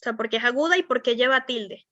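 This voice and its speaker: A woman's voice: fairly high pitch, quick pace, sharp tone, no room sound, muffled recording. A young woman teacher with a Venezuelan accent, rambling through an online class with many fillers and frequent check-ins with her students. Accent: Venezuelan Spanish. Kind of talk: online class on verbal skills.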